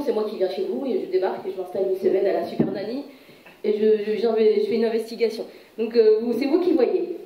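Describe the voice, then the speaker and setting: Animated woman speaking in an echoey hall. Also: a little high, recorded from a distance. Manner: animated, acts out little scenes. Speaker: psychologist. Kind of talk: conference talk. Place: conference hall. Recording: roomy echo, voice heard from afar.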